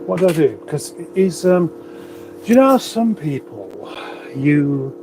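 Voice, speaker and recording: Hosting a casual livestream from his garage, a man with a runny nose rambles chattily and tosses in wry asides while reading out comments. His voice is a little high and darkish in tone, slow, with big swings in pitch, and there's slight background noise.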